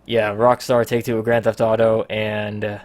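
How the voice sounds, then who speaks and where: Rambling, swearing podcast host. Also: male voice, fairly low pitch, completely flat delivery, normal speed. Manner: rambling, swears, laughs often. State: out of breath. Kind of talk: casual podcast chat.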